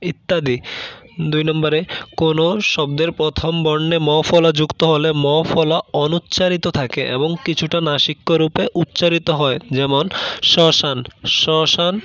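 A man teaching a class as he reads an assignment answer sheet aloud, slowly and carefully, saying each example word twice. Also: fairly high pitch, dry recording, dull audio. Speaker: online teacher.

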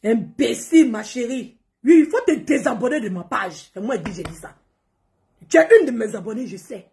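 A woman's voice: a little high, lively intonation, moderate pace, a little mellow. A woman, talking straight to her followers in a scolding, confrontational rant and often repeating herself. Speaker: social media personality. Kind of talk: angry direct-to-camera rant.

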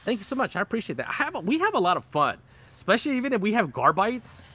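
A middle-aged man hosts a fishing channel live stream from under a canopy in his backyard, chatting casually with lots of fillers, restarts and bursts of laughter. His voice sits high, very animated, fast, bright and forceful. A phone camera captures him close up.

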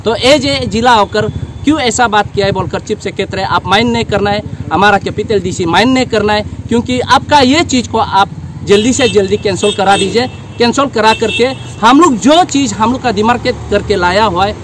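A man's voice: high voice, moderate pace, noisy background. A village council leader speaking emphatically at an outdoor press briefing, pressing his appeal with rising force.

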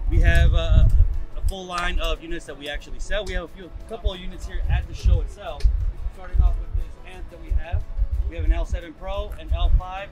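A man in his forties walking through farm vehicles at an outdoor show, pitching each one in a casual, filler-heavy way. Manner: casual, repeats "it does have", filler-heavy. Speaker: product rep at a farm show. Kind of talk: walkaround sales pitch. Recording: music playing behind.

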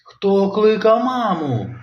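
A man voicing a calm, practical mother dinosaur who speaks matter-of-factly in an audio tale. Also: high voice, slow, slight background noise, pitched above the performer's own voice, heavily acted. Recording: roomy, slightly dull home recording.

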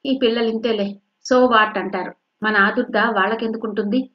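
An anxious middle-aged neighbour explains herself apologetically, as a woman storyteller voices her. Her voice sits high and the recording is dull. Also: steady tone, normal speed, lightly acted. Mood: fretful.

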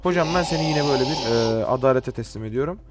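A teenage man from Turkey giving casual, joking gameplay commentary, talking to game characters and swinging from quiet mutters to sudden shouts. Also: medium pitch, quick pace, loud music behind the voice. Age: late teens. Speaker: gaming YouTuber.

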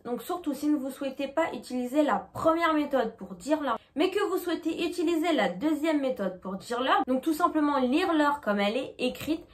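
A woman teaching a lesson, patient and clear, slowly modeling English pronunciation. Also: high-pitched, animated. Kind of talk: explanatory lesson.

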